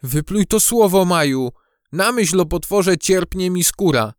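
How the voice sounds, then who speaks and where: In a storybook audiobook, a man voices a timid, greedy young male drone bee, speaking fearfully and anxiously. He pitches his voice high, above his own, with lively intonation and a slightly slow pace, and the recording is dry and studio quality.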